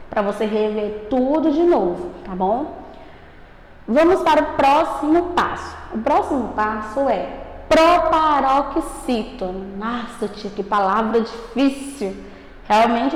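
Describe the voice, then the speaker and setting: Slow, high-voiced teacher in an echoey room. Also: female voice, a little mellow. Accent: Brazilian Portuguese. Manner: slow, emphatic, stretches out syllables; asks questions and answers them for the class. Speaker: primary school teacher. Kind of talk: recorded remote grammar lesson for children. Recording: echoey room with long reverb.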